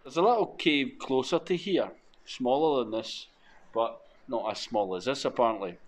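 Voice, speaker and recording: A man's voice: mid-range voice, normal speed. Chatty man vlogging outdoors. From Scotland. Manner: chatty, thinking aloud, wondering. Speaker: motorcycle vlogger. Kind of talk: casual vlog narration. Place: outdoors in countryside and a rock cave.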